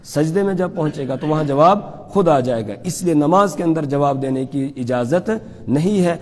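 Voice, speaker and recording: A man's voice: a little high, a little mellow. Man teaching verses with long reverb. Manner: explains step by step, asks questions then answers them, recites Arabic verses slowly. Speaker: Quran teacher giving tafseer. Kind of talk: religious lecture explaining verses.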